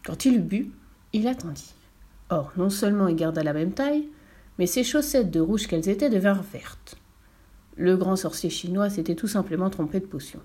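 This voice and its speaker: Woman storyteller, lively playful read-aloud, mid-range voice. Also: medium pitch, moderate pace, husky. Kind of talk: storybook reading.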